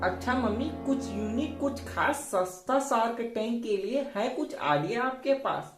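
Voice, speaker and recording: A woman's voice: fairly high pitch, animated, measured pace, voice pushed up. A woman acting an eager young son in a comedy sketch, pleading with his mother for ideas. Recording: roomy room with background music.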